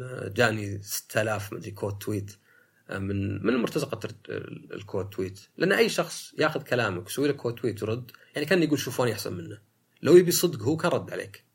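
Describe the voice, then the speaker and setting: Rapid gravelly-voiced man. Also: on the low side. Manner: rapid, argumentative, mimics other people's lines. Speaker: podcast host. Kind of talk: solo casual talk.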